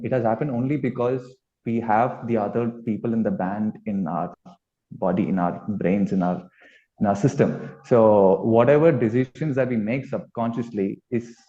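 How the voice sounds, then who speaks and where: A band musician with an Indian accent answers interview questions in a mellow, medium-pitched voice. He's reflective and rambling, searching for his words as he goes. The audio is dull and lo-fi.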